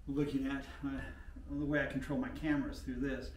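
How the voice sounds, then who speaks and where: Speaking briskly at a medium pitch with a flat delivery, an older home exercise vlogger chats casually while exercising, rambling and thinking aloud with plenty of fillers. He is in a room of an older mountain home, recorded by a camera set back from him, so the audio is roomy with faint hiss.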